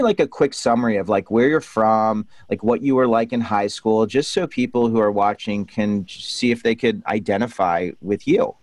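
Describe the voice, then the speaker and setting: A man's voice: mid-range voice, a little mellow, no echo. A middle-aged man hosting a video-call interview, enthusiastic and upbeat as he greets and questions his guests. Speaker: host. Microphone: studio mic on arm.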